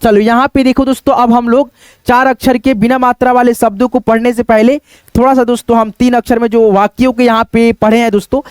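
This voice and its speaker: In an online lesson, a man teaches Hindi reading and writing, patiently sounding out words syllable by syllable and repeating them. His voice is very high with little pitch movement, a little fast and clean, recorded dry.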